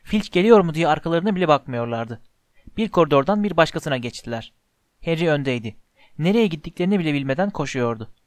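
A man reading a story aloud as narrator, in a steady, expressive way. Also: on the high side, quick pace, dry recording. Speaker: audiobook narrator.

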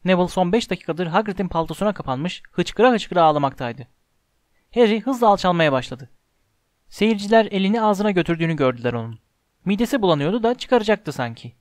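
A man narrating a storybook aloud in a steady, measured reading voice, close to the mic. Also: high-pitched, dry recording. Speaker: audiobook narrator.

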